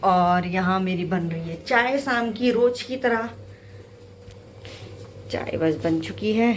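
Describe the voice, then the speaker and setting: In a relaxed daily vlog, a young woman does her housework in the kitchen while talking to the camera about her day and her little boy. She speaks slowly at a medium pitch, with a little hiss or hum audible.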